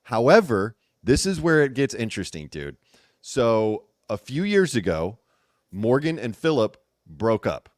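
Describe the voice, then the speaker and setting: A man hosting a casual gossip commentary chat, talking in an animated, teasing way with emphatic repetition. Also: mid-range voice, unhurried, no room sound, clean studio sound. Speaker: host.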